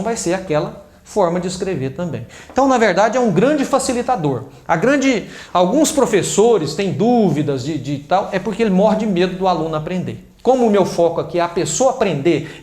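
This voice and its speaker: Brazilian-accented male teacher, higher voice, echoey room, explanatory and emphatic delivery. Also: lively intonation, normal speed, a little mellow. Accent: Brazilian Portuguese. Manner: explanatory, emphatic on stressed syllables. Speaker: English teacher.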